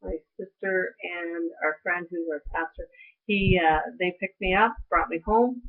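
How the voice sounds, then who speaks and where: A middle-aged woman in a chatty vlog, telling a story and acting out the other people's lines. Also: lowish voice. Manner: chatty storytelling, acts out quoted voices. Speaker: vlogger. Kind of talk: casual recovery update. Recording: tinny lo-fi audio.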